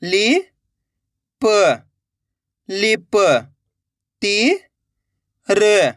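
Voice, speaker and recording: A man's voice: high-pitched, extremely slow, fairly bright tone, no room sound, studio quality. A man teaching children's reading, sounding out each syllable and then blending it into the word, encouraging his viewers as friends. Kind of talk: slow syllable-by-syllable reading lesson.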